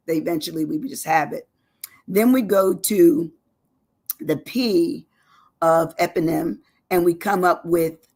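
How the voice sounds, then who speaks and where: A woman's voice: fairly low pitch, vocal fry. A woman giving a casual spoken lesson from home, repeating and spelling out words with chatty asides. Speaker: educator presenting a word lesson. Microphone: live-stream setup.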